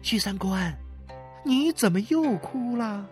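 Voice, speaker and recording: A man's voice: expressive, slow pace. A man voicing a practical, scolding wife in an audiobook, in a raised, chiding tone, with faint music behind. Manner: chiding, high-pitched. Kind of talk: audiobook character voice.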